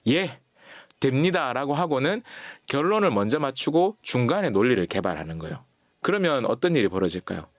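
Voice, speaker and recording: A man speaking as an author guest on a radio talk show. He explains at length and acts out quoted lines with lively voices. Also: mid-range voice, brisk, no echo, clean studio sound. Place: radio studio. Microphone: studio microphone.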